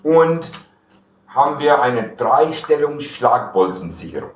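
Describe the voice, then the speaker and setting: A man's voice: medium pitch, very animated, slow pace. A man, an export manager from the United States with a Franconian-tinged German accent, explaining rifle features step by step in a product demonstration. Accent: American with a Franconian German dialect. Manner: explains technical details step by step, some grammar slips. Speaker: export manager of a gun maker. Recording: roomy, distant field recording with faint noise.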